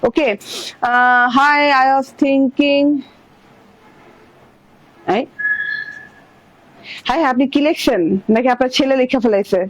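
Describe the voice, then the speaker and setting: A woman doing a chatty, animated live-stream sales pitch for clothing, talking straight to her viewers. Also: slow pace, pauses often, no echo, low-quality recording. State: blocked ears from a cold. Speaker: online clothing seller.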